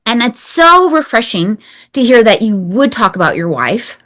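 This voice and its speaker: A woman's voice: on the high side, sing-song, normal speed, fairly bright tone. A woman hosting a podcast, asking questions in a casual, encouraging way. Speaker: podcast host. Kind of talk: casual interview talk.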